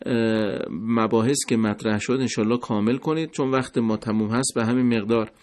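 A man giving a pronunciation lesson, speaking deliberately and repeating words slowly to demonstrate each sound. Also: medium pitch, fairly even intonation, a little mellow. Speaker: recitation teacher.

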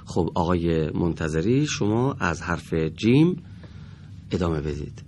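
A man teaching Quran recitation on a broadcast lesson from a studio. He speaks slowly and patiently, modelling each sound for students to repeat. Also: sits low, expressive, a little mellow, slight background noise.

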